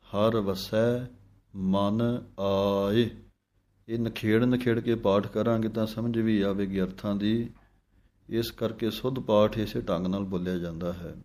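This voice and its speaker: A man teaching careful recitation of scripture, chanting verses slowly with a melodic lilt and then explaining pronunciation points. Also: fairly low pitch, fairly even intonation, warm tone.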